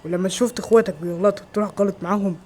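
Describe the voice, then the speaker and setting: A man with an Egyptian Arabic accent acting several everyday roles in a homemade skit, with quick, exclamatory lines. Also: high-pitched, steady tone. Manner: quick, loud, exclamatory dialogue. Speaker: amateur actor.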